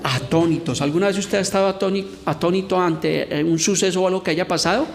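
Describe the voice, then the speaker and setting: A middle-aged man preaching a sermon in an earnest teaching tone, slowing down to read scripture and act out its lines. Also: high-pitched, creaky. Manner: earnest teaching tone, reads scripture and acts out quotes slowly. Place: church hall. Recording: reverberant church hall with faint background noise.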